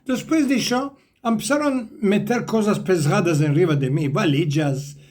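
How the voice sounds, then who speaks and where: A man's voice: sits high, moderate pace, a little mellow, natural voice. A man doing a weary Ladino-speaking old horse. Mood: mournful. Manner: mournful, repeating itself.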